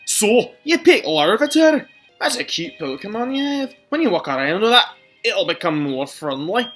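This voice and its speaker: A friendly, eager young game heroine with a put-on Scottish lilt, voiced by a woman streamer. She sounds upbeat and a little higher than usual. Faint music plays underneath. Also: sing-song, moderate pace, fairly bright tone.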